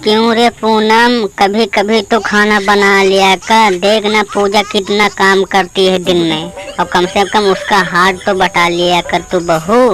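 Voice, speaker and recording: A domineering mother-in-law, played by a woman in a homemade comedy skit, forever scolding her daughters-in-law. Her voice stays flat and level even while she nags. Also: mid-range voice, measured pace, natural voice.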